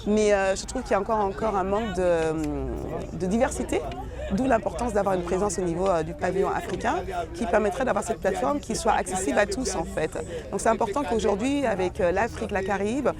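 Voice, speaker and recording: A woman's voice: medium pitch, fairly quick. A woman from French Guiana, a media entrepreneur, answering interview questions at a festival with frequent hesitations. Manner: fluent, many fillers. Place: outdoors at a busy festival. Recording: crowd noise outdoors.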